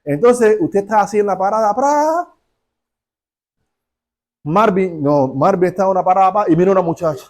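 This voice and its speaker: Animated preacher man. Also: high voice, quick pace. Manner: animated storytelling preacher, rhetorical questions. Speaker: pastor. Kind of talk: sermon.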